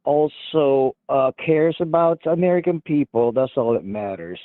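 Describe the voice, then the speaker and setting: A man in his fifties calling in to a stream, speaking hesitantly with lots of pauses and filler sounds. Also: medium pitch, expressive, no echo. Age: 50s. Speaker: caller. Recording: tinny phone line.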